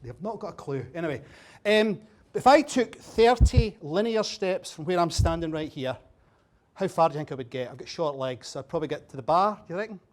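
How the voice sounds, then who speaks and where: A Scottish keynote speaker delivers a funny after-dinner talk at a venue with a bar, chatting, joking, and quizzing the audience. His pitch is fairly high, his intonation lively, and his pace fairly quick.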